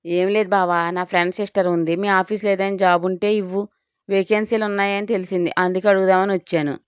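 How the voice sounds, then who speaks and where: A chatty young man who jokes and teases, as a woman narrator reads him. Smooth voice, dry and slightly dull recording. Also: medium pitch, flat delivery, fast, dry recording, lightly acted. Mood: joking. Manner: playful, joking.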